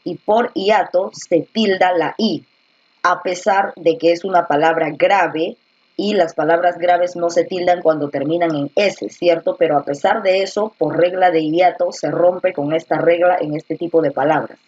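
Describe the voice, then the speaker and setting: A woman teacher with a fairly low, husky voice explains patiently in an online class, slowly repeating words to stress their syllables. The sound is dull and dry, like lo-fi video call audio. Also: steady tone, darkish tone, dry recording. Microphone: computer or headset mic on a video call.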